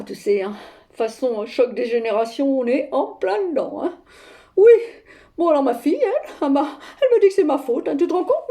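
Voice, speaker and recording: An exasperated older grandmother, played by a woman, rants down the phone with dramatic flair, tagging nearly every phrase with a questioning "hein". Her voice sits high but sounds mellow and dark in tone, with a gravelly, creaky edge. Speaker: comic monologue performer. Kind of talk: one-sided phone call sketch.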